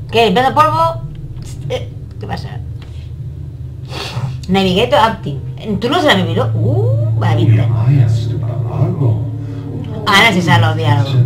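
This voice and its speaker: A woman, commenting casually on a game as she plays and playfully teases its characters. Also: fairly low pitch. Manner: playful, teasing game characters, laughing often. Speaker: gamer.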